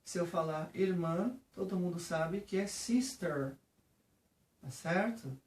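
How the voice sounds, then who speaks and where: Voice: medium pitch, lively intonation, slow pace, darkish tone. A teacher with a Brazilian Portuguese accent giving a patient lesson on English vocabulary, often checking in with the viewer. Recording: roomy, from a distance.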